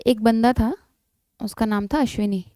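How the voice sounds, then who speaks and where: A woman's voice: on the high side, normal speed, dark tone, dry recording, clean studio sound. A woman teaching an exam revision lesson in biology, emphatic and coaxing, often calling her students "beta".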